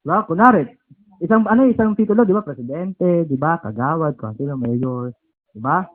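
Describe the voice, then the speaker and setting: A Filipino preacher leads a Bible lesson at a home service. He has a high voice, spells words out slowly and keeps checking in with his listeners. The sound is thin and tinny, like it comes over a phone line. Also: animated. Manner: keeps asking "okay?" and "di ba?".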